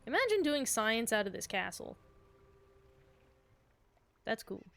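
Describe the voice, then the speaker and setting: A woman's voice: on the high side, very animated, slow, vocal fry, fairly bright tone. A woman giving casual, chatty commentary while streaming a game, with a playful way of talking.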